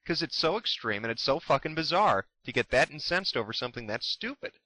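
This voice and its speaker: A man rants through a commentary with heated, profane exasperation. His pitch leaps up and down as he talks, and his voice has a forceful, pressed edge. The sound is close and dry. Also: very animated, fairly quick, dry recording, low-quality recording. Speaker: commentary host. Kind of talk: ranting commentary.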